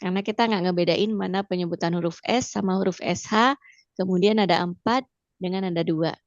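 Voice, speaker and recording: A woman teaching Mandarin pronunciation with an Indonesian accent, patiently repeating sounds slowly for practice. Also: on the low side, steady tone, no room sound, muffled recording. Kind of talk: online language lesson.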